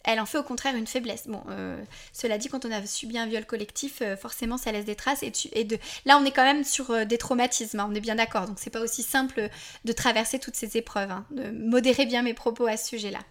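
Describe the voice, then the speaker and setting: Chatty and candid, this woman in her 40s hosts a podcast and speaks straight to her listeners, often going off on asides and apologizing self-deprecatingly. Her voice is on the high side, fairly even in intonation, and a little fast.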